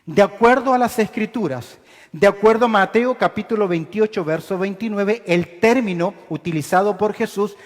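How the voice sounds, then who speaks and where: A male pastor with a notably high voice preaches in an emphatic, teaching way. He keeps pausing on rhetorical questions for the congregation to finish. His voice rings through a church hall with a long reverb tail. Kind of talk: sermon. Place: church sanctuary with baptistery.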